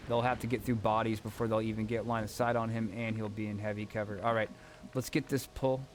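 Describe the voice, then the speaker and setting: A man streaming a strategy game, chatting casually with a rambling, excitable, profane manner. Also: on the low side, fast talker, slight background noise. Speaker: gaming streamer. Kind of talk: casual gameplay commentary.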